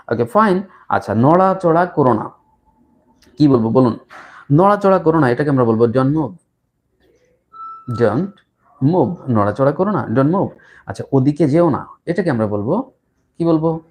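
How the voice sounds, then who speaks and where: Man drilling English phrases. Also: mid-range voice. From Bangladesh. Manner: slow, repetitive drilling of phrases with pauses. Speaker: English tutor. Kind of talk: live online English lesson.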